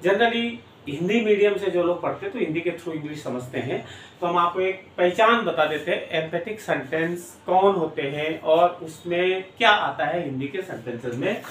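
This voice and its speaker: A man teaching an English grammar lesson, repeating example sentences slowly and word by word to drill them in. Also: high-pitched, fairly bright tone, a little hiss or hum. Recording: echoey room, mic at a distance.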